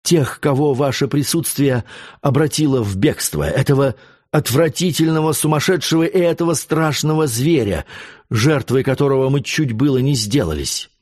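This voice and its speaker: A man's voice: medium pitch, moderate pace, darkish tone, lightly acted. A man voicing a fiery young countess. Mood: agitated.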